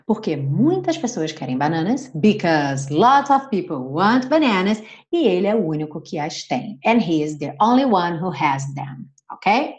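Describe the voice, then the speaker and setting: A woman English teacher, a Portuguese speaker, switching between slow, careful model sentences and quick explanations. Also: medium pitch, a little mellow, muffled recording. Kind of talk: bilingual English lesson.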